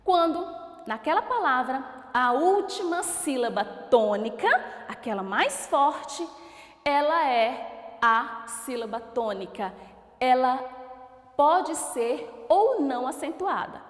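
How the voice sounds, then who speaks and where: A woman's voice: high voice, animated, takes it slowly. A woman teacher giving a recorded school lesson, stretching out example words in a sing-song way to show their stress. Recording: echoey room with long reverb.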